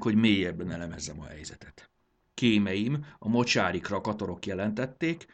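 A man's voice: fairly low pitch, breathy edge, heavily acted. A man reading a storybook aloud and voicing a cool, calculating male chief servant who speaks politely and measuredly.

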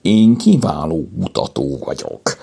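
A man's voice: mid-range voice, wildly swooping pitch, warm tone, breathy edge, voice pushed up. A man voicing a boastful, lazy male pet cat in a children's audiobook, bragging and whiny. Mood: smug.

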